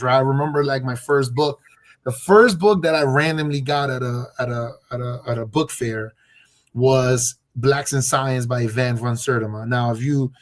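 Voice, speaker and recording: A man from Colombia, a guest on a video call, telling his story in a reflective, casual way with many fillers and restarts. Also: mid-range voice.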